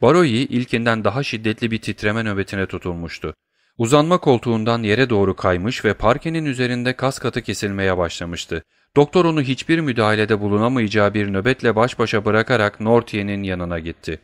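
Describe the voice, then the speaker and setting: A man reading a novel aloud in a measured, even narration. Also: lowish voice, no echo. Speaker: audiobook narrator. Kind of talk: scripted narration.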